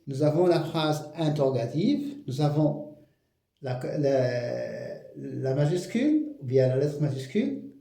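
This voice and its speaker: A man teaching a grammar lesson, explaining slowly and patiently, repeating his points. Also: a little high, mellow. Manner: slow, patient explaining with repetitions. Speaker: French teacher. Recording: echoey room.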